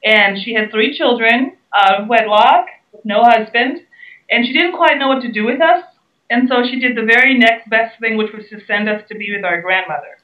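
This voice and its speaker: A woman from the Bahamas speaks earnestly, stressing and repeating her key words. Her voice sits a little high and comes from away from the mic. The room is echoey and the sound is dull. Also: moderate pace. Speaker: guest speaker and entrepreneur. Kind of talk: interview answers. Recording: roomy, distant, dull sound.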